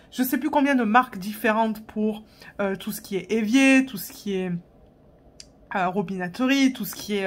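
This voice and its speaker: A woman vlogger telling a story in a casual way while she works on a craft, chatty, with frequent laughter and hesitations. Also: fairly high pitch.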